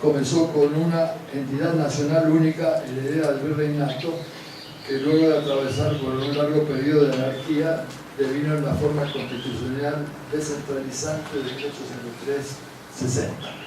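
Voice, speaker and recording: An older man with an Argentine Spanish accent delivers a university lecture, pausing on fillers and restarting his sentences. His voice sits a little high for a man and reaches the mic from far off. The recording carries heavy hall reverb and audible room noise. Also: little pitch movement. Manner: digressive, halting with frequent "eh" fillers and restarts. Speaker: guest lecturer. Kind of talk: academic lecture, partly read aloud.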